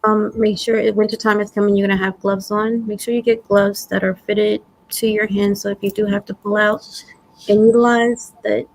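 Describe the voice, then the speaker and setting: A woman's voice: mid-range voice, level tone, normal speed, poor audio. Chatty woman with a Brooklyn accent. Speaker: host of a live prepping stream. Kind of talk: casual livestream chat.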